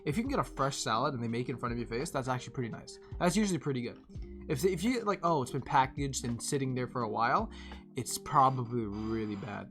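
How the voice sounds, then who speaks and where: A young woman streamer chatting casually with her viewers, rambling and laughing often, going from animated bursts to tired murmurs. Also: a bass voice. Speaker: live streamer.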